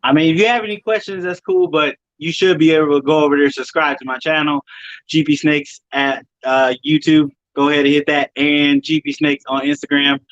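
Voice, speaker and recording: Casting: man from Wisconsin, relaxed rambling guest, dry close sound with lo-fi audio. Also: on the high side, brisk, no echo. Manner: relaxed, rambling, self-correcting. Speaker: guest, snake breeder and podcaster. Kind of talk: casual interview chat.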